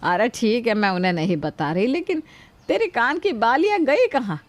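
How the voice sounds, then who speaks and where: Give me a woman playing an older cartoon mother-in-law who scolds gently, with a high, lively voice. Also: normal speed, no room sound, lightly acted. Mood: fond. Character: older mother-in-law, protective and soft-hearted. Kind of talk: cartoon voice acting.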